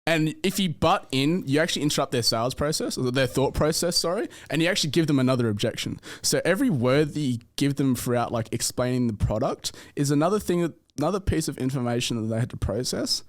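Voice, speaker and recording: A man's voice: medium pitch, animated, fast, few pauses. A man talking in a casual podcast conversation as a guest. He laughs often, swears casually and talks with many fillers and restarts. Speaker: podcast guest, business owner.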